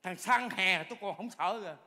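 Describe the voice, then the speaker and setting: A man's voice: high-pitched, a little fast, bright, forceful tone, in a large hall, exaggerated voice. A male comedian playing a cheeky, reckless motorbike-taxi driver who argues about his fare in a stage sketch. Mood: arguing. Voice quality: brash, argumentative.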